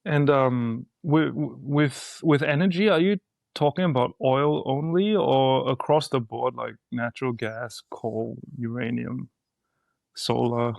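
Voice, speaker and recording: A man interviewing over a weak cell phone connection that keeps cutting out, halting and restarting his words. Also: mid-range voice, vocal fry, darkish tone, no echo. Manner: halting, restarts while the line drops. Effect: breaking up over a weak cell phone connection. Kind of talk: remote video-call interview.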